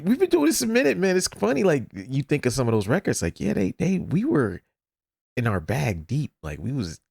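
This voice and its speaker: An American man in his forties hosts a podcast chat in an easygoing, laughing manner. His voice has a gravelly edge and moves up and down a lot. The mic sound is close and dry. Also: a little high, moderate pace, no echo. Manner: laid-back, laughs often, animated. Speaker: podcast host. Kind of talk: casual chat.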